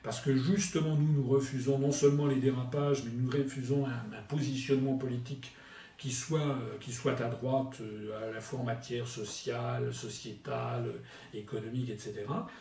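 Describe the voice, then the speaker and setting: A man's voice: mid-range voice, steady tone, normal speed, vocal fry, dark tone. A man answering as a political spokesman, hesitant with many fillers and restarts. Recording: echoey room from far off.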